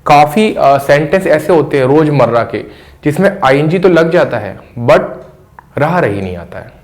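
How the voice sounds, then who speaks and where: A middle-aged man teaching an English grammar lesson. He explains slowly and repeats phrases word by word. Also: fairly high pitch, animated.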